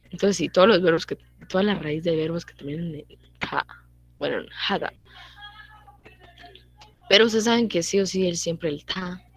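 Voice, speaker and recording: A young woman giving a casual online grammar lesson, repeating her points and checking in with quick tag questions. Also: lowish voice, dry recording. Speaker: language teacher.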